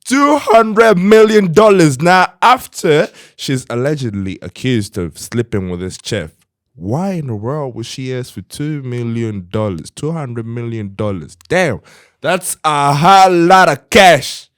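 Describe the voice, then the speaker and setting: A man co-hosting a casual podcast chat, talking in an animated way and reading viewer comments aloud. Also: medium pitch, unhurried, no room sound, studio quality. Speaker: podcast co-host.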